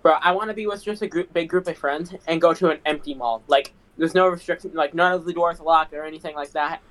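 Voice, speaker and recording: A man's voice: fairly high pitch, quick pace, a bit bright, low-quality recording. A young man chatting casually on a voice chat in a slangy frat-bro way. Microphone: voice chat on Discord.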